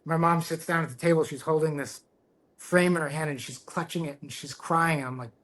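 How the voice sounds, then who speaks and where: A middle-aged man, a guest on a podcast, telling a personal story in an earnest, reflective way with halting restarts. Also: a little high, fairly even intonation, fairly bright tone. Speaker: guest, tattoo artist.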